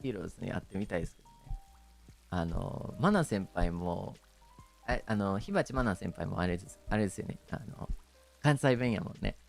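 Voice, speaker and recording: Over quiet, soft background music, a man speaking with a Kansai accent talks casually on stream, hesitating, using plenty of fillers, and laughing a lot. His voice is expressive with vocal fry and broad pitch movement, and he talks a little fast.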